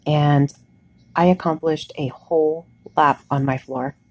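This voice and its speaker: A woman recording a casual, candid video diary, sounding weak and worn out after surgery, talking haltingly. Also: sits low, fairly even intonation, a little mellow, rough recording. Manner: candid, plain-spoken. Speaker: patient vlogger recording a recovery diary. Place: hospital bed, indoors.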